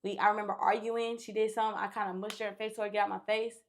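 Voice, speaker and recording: A woman's voice: mid-range voice, fast, a little hiss or hum. A woman guest on a podcast, casually telling a long story with profanity and acted-out quotes. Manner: animated, profane, acts out quotes.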